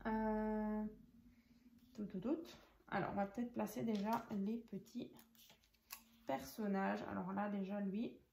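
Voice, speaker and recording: Slow-talking woman showing a craft. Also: mid-range voice, level tone, gravelly, warm tone, a little hiss or hum. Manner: chatty, thinks aloud, counts pieces while working. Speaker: craft tutorial host. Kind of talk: casual craft tutorial. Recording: echoey room.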